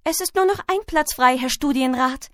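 A woman's voice: high-pitched, moderate pace, a bit bright, dry recording, clean studio sound, voice pushed up. A woman voicing an eager, dutiful schoolboy in a storybook. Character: eager top-of-class schoolboy.

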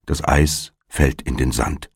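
A man reading a short story aloud as the narrator, in short, measured, plain sentences. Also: rumbling low, steady tone, husky, no room sound, studio quality.

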